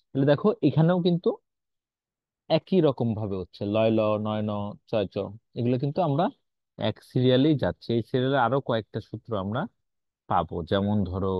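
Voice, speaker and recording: This online grammar lesson comes from a man with a fairly low voice, recorded dry on dull lo-fi class audio. He's patient in his explanations, questions his students along the way, and uses some English words.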